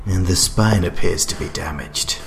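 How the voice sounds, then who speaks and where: The Joker, a low theatrical villain. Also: male voice, normal speed, creaky, music in the background. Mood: mocking, gleeful. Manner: pompous, mock-literary, taunting. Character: theatrical sadistic male clown villain, mockingly courteous. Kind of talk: audio drama acting.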